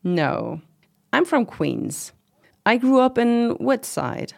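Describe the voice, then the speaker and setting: A woman's voice: mid-range voice, creaky, a little mellow. A woman playing a proud middle-aged commune organizer in an interview drama, talking in a casual, reflective, lightly wry way. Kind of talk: conversational oral-history interview acting.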